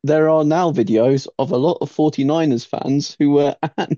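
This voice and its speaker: A man co-hosting a casual sports podcast, giggling and halting as he talks. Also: fairly high pitch, dark tone, dry recording, muffled recording. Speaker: podcast co-host.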